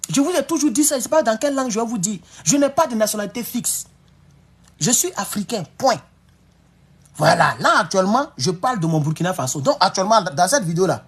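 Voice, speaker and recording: A man giving excitable, emphatic political commentary on a live stream. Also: high-pitched, breathy edge.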